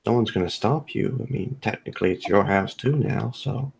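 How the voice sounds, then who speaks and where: A man serving as game master, narrating a tabletop game in a laid-back, rambling way. His voice is low, gravelly and husky. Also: normal speed, a little mellow.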